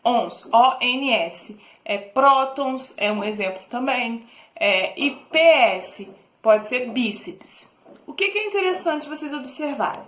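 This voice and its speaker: High-voiced Brazilian teacher in an echoey room. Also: female voice, expressive, takes it slowly, fairly bright tone. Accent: Brazilian Portuguese. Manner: patient, affectionate, explains step by step with frequent hesitation fillers. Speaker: primary school teacher. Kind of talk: recorded remote lesson for children.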